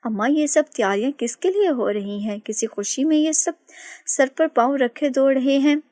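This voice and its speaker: An outspoken young woman talks with teasing boldness, voiced by a woman reading a storybook. Her voice is fairly high, close and dry. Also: fairly even intonation, moderate pace, warm tone, dry recording, natural voice. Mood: curious. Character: lively, outspoken young woman, spirited cousin.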